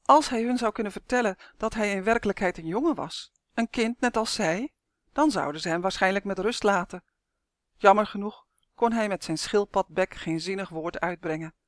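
Woman narrator, children's storybook, expressive, dry close sound. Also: mid-range voice, normal speed, no room sound. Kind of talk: storybook reading.

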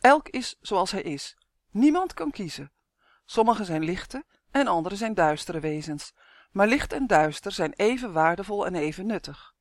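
A woman voicing a female magical creature with a fiery temper, who lectures indignantly in a higher, louder voice. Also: lively intonation, moderate pace, no room sound, studio quality, lightly acted. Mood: lecturing.

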